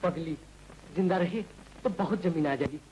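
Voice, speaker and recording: A man's voice: on the high side, normal speed, a little mellow, a little hiss or hum, lightly acted. A man playing a weary poor farmer. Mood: resigned. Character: poor desperate male farmer and father. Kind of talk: 1940s film acting.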